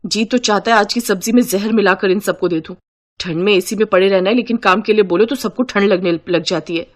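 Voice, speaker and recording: A woman's voice: mid-range voice, fairly quick, lightly acted. A woman voicing a young bride in a cartoon, exasperated and sarcastic.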